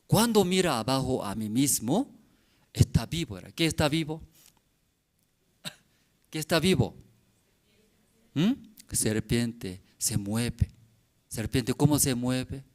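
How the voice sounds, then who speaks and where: A man's voice: mid-range voice, expressive, takes it slowly, pauses often, a little mellow. A man who is a pastor, preaching a sermon in short, broken phrases, repeating questions back to the congregation. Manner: simple, broken phrasing peppered with rhetorical questions and "mm?".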